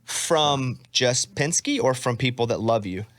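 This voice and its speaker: A man's voice: medium pitch, animated, slow pace, a bit bright, dry recording. A man hosting a podcast, asking questions in a jokey, self-deprecating way. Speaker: podcast host. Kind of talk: casual interview chat.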